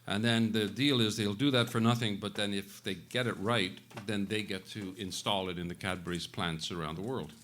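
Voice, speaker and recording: A man's voice: lowish voice, steady tone, normal speed, hardly any pauses, a bit bright. An older man, a festival director, telling a rambling, chuckling anecdote at a live event before an audience. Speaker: festival director, panel guest. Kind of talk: casual storytelling at a live event.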